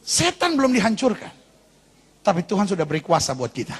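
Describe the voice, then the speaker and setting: A man preaching as a pastor, lively and animated, tossing in English phrases and calling the congregation to applaud and say amen. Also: sits high, brisk, slightly rough. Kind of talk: sermon. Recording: long reverb of a large hall.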